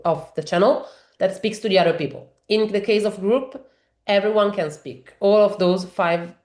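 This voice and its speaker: In a reverberant space, an Italian woman software trainer with a medium-pitched voice and Italian accent leads a webinar demo, talking through every step. Her native-speaker delivery is full of fillers and false starts.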